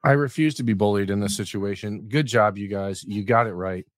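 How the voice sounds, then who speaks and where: Deep-voiced sarcastic man on a podcast. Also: fairly quick, no room sound. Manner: dry, sarcastic, rambling with fillers. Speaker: podcast co-host. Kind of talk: casual sports podcast banter.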